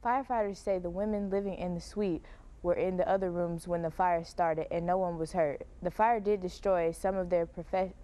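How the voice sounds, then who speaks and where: A woman's voice: fairly low pitch, steady tone, moderate pace, warm tone. A woman delivering a scripted news report, stumbling slightly over some words.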